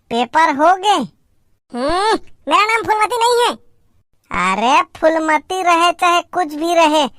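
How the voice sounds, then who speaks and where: Woman voicing squeaky, giggly cartoon village kids. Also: sharp tone, no room sound, studio quality, exaggerated voice. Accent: Chhattisgarhi. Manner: teasing, giggly, quick back-and-forth banter. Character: playful bickering village kids staging a doll wedding. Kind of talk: cartoon comedy voice acting.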